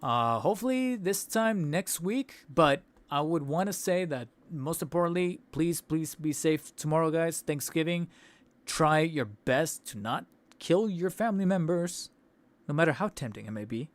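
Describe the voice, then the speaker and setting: A young man hosting a toy collecting stream chats loosely at the end of the broadcast, losing his voice, interrupting himself and laughing between thoughts. His voice is a little high and expressive at normal speed, captured on a studio desk mic with no room sound.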